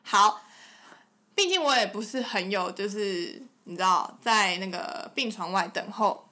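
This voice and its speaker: A woman's voice: medium pitch, pushed and bright. A woman with a Taiwanese Mandarin accent co-hosting a podcast, telling her side of a story in playful casual chat. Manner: playful, laughs often while telling a story. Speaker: podcast co-host.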